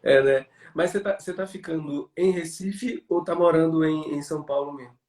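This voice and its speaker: A man's voice: fairly high pitch, fairly even intonation, darkish tone. Bahian man hosting, roomy distant sound. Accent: Bahian Brazilian. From Bahia, Brazil. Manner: halting, repeats words as he thinks. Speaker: host of a live online interview show. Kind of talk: casual, conversational hosting. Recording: roomy echo, distant microphone.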